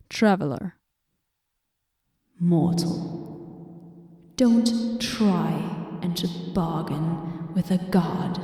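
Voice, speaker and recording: In this whispered role-play, a woman plays a sardonic goddess who is moody and aloof. Her delivery is slow, deadpan, and sarcastic, in a dark, mellow voice of medium pitch that slips into soft whispers; the sound is close-miked, dry, and echo-free.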